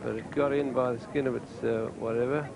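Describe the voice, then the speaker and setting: Mid-pitched man commentating on golf. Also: fairly even intonation, fairly quick, gravelly. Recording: noisy outdoor 1980s TV broadcast.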